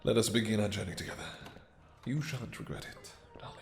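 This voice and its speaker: Man playing low, gravelly, possessive vampire king. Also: huge pitch swings, reverberant, long reverb tail. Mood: possessive, tender. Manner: formal, archaic, halting endearments, commanding. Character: possessive, lovesick male vampire king, regal and brooding. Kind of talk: romantic fantasy audio roleplay, intimate.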